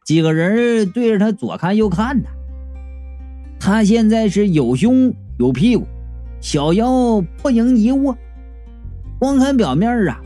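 A man reading a comic audio novel aloud, lively and jokey with quick asides. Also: sits high. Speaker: storyteller.

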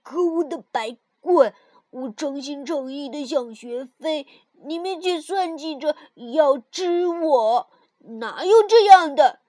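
Woman doing a loud, excitable little frog. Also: high-pitched, takes it slowly, no echo. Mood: angry. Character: impulsive, emotional young male frog. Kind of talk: storybook character voice.

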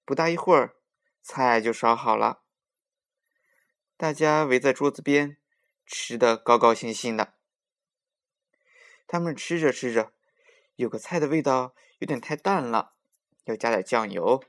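A man narrating a children's story in a gentle, expressive storytelling voice. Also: mid-range voice, measured pace, pauses often.

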